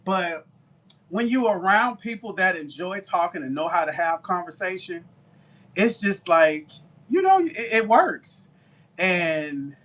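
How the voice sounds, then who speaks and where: A man from Alabama with a Southern accent, chatting casually with viewers on a live baking stream. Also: high voice. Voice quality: talkative, warm down-home manner. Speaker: baker and live-stream seller.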